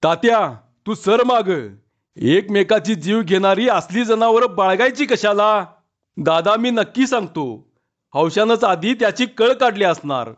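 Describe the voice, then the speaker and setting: Man doing a rough, irritable strongman villager, storybook voice, dull lo-fi sound. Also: high voice, big pitch swings, measured pace, voice pushed up, full character voice. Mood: angry. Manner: shouting, irritable. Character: burly village man Saka, hot-tempered and rough.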